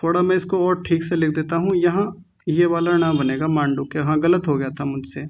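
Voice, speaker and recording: A man teaching an online class, slowly drilling the correct pronunciation of each word. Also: a little high, fairly even intonation, a little mellow, dull audio. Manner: slow, careful pronunciation drill.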